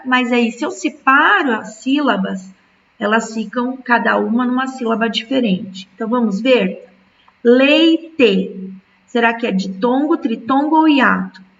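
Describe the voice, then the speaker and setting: Woman teacher, slow and patient, raspy edge, dull distant recording. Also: a little high, a bit bright, a little hiss or hum. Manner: slow, patient, drawing words out syllable by syllable. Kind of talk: recorded remote school lesson.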